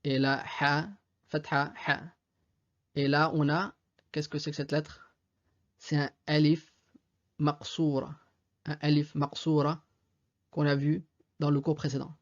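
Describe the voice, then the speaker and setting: A man's voice: on the high side, flat delivery, slow, pauses often, highs cut off. A male teacher giving a reading lesson, patiently spelling out sounds letter by letter. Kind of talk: slow step-by-step reading lesson. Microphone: desktop USB mic.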